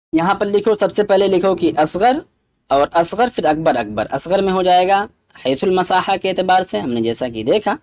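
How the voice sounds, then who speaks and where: A man's voice: fairly high pitch, a little mellow. A man teaching an exam preparation lesson, walking through answers and explaining them step by step, with English terms mixed into his talk.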